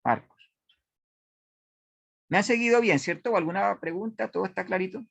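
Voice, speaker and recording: Higher-voiced man teaching a Bible class. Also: vocal fry, a bit bright, no echo. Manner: reads scripture aloud and quizzes the class; halting, with many restarts. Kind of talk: Bible study lesson.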